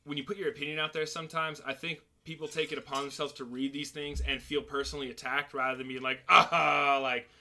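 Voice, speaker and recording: A man cohosting a casual podcast chat, agreeable and quick to chime in, talking in loose, rambling runs with restarts. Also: on the high side, flat delivery, sharp tone.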